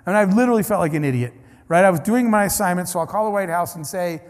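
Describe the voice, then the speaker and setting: Speaking fast in a high voice, this man gives a conference keynote as a string of casual stories, often restarting or slipping in side remarks. Long hall reverb fills the big conference room.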